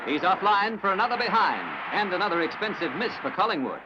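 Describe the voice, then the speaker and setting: An old newsreel commentary voice, a man narrating a football match in brisk, formal announcer tones. His voice sits high and bright. The sound is muffled and lo-fi, with a clear hiss running under it. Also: sing-song. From Australia. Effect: old newsreel recording.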